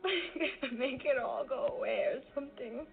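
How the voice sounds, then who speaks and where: An actress playing an overwhelmed young woman, rambling and halting, close to tears. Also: sits high, creaky. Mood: distraught. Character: overwhelmed young woman at her wits' end. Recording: tinny phone-like audio with soft music.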